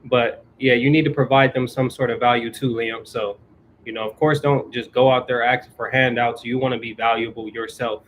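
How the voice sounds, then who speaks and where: A young man hosting a casual chat on his channel, giving viewers advice in a relaxed way and repeating his key points. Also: mid-range voice, brisk, slight background noise, low-quality recording. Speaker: YouTube host answering viewers.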